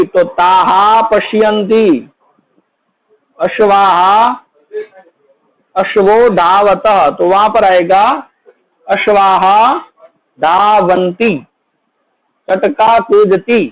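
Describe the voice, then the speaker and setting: A man's voice: sits high, rough recording. A man teaching a children's worksheet lesson, explaining each answer and then asking it back as a question.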